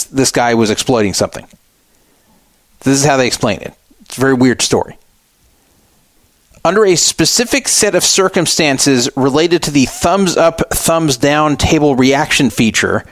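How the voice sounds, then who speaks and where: A man with a mid-range voice and no echo hosts a talk radio show, reading out a statement and explaining it in a conversational, explanatory style.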